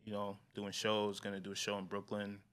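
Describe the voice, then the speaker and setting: A man in his twenties, a rapper guest chatting casually in a slangy, laid-back way that trails off quietly. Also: on the low side, completely flat delivery, a little fast, clean tone. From New York. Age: 20s. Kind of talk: casual interview chat.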